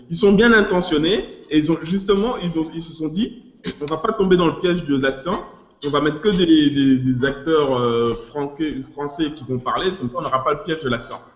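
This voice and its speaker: A man's voice: fairly high pitch, a little fast. A man co-hosting a casual podcast panel, explaining at length, restarting phrases and dropping in English expressions. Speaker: podcast co-host. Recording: muffled, roomy podcast recording.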